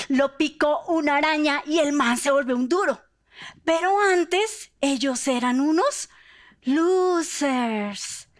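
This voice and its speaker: A woman preacher, delivering a sermon in a lively storytelling way, often dropping into a whisper. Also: fairly high pitch.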